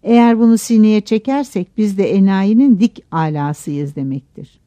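A woman's voice: mid-range voice, moderate pace, warm tone, no echo, natural voice. A woman voicing a grumbling male coal miner who mutters bitter oaths.

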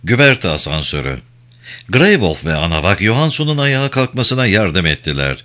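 A man narrating an audiobook with a dramatic, expressive reading. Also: low-pitched, moderate pace. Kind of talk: scripted narration.

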